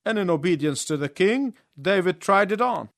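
A male preacher with a high-pitched, gravelly, slightly bright voice tells a story as a sermon, pausing after short phrases so an interpreter can translate live. His intonation is lively and light, and the sound is close and dry with no echo.

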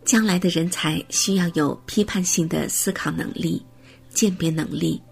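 A woman reading a prepared text as scripted narration, in a steady, measured way. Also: on the low side, vocal fry.

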